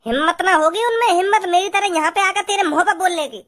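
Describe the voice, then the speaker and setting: An actor doing a squeaky, angry village man. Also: fast, a bit bright. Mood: accusing. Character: angry rural village man, a patient, quarrelsome and loud. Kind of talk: cartoon voice acting.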